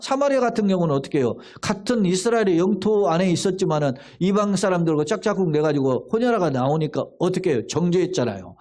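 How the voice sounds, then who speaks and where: A man's voice: a little high, darkish tone. A middle-aged male pastor giving a Bible exposition in a conversational sermon style, asking rhetorical questions and acting out quoted lines.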